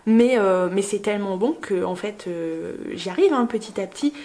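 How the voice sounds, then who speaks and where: A young woman vlogging casually, excitedly gushing over a book gift she unboxes. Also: medium pitch, moderate pace. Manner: gushing, excitable, many exclamations.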